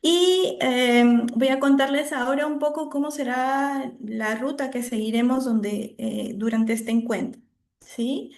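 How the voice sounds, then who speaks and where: A woman from Peru moderates an online talk over a video call. Her voice is a touch high, and she speaks in a friendly, welcoming way, with ehs and ums between phrases. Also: a little slow, a little mellow.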